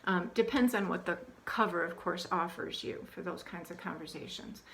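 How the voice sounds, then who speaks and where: In this rough recording with a slight hiss or hum, a teacher trainer with a lowish, fry-tinged voice talks at normal speed about reading aloud to kids. Her informal, conversational instruction is peppered with ums and restarts, and she whispers out animated questions as if to children.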